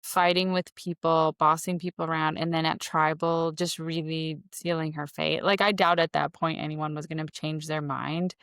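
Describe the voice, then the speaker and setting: Lowish gravelly woman podcaster, chatty and opinionated, dry close sound. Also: flat delivery, normal speed, few pauses, fairly bright tone, no room sound. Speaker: podcast co-host. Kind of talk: casual chat.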